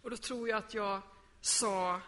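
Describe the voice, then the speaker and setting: A woman's voice: mid-range voice, steady tone, sharp tone, long reverb tail. A woman pastor giving an earnest sermon, explaining and reading Bible passages aloud.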